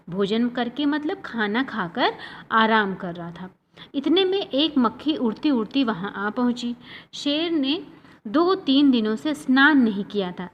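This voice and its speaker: A woman's voice: a little high, highs cut off. A woman teacher reading a children's story. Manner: explains each hard word, repeats often, says "okay". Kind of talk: storybook lesson for young children.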